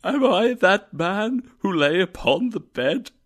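A man voicing an old male miser who cries out in an excitable, exclamatory way. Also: a little high, unhurried, creaky, exaggerated voice. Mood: pleading.

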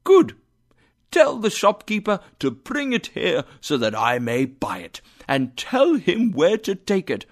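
A man voicing an old male miser who cries out in an excitable, exclamatory way. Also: fairly high pitch, measured pace, creaky, exaggerated voice. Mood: giddy.

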